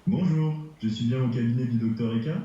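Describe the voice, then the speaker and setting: A man's voice: mid-range voice, a little fast, warm tone, faint music behind, close to an everyday voice. A young man playing a formal phone caller. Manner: reading out, formal. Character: polite male student caller. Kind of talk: amateur stage sketch. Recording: dull, echoey, from far off.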